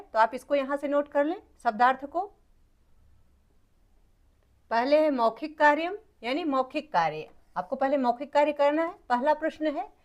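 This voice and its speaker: High-voiced woman teacher, patient. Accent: Hindi. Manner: patient, repeats answers and checks with "ठीक है"; reads word forms slowly and clearly. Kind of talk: explaining textbook exercises to children.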